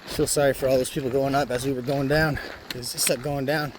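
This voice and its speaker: A man's voice: mid-range voice, flat delivery, fairly quick. A man chatting casually to his phone while hiking down a mountain trail. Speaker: hiker vlogger. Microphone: handheld phone. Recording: clear outdoor background noise.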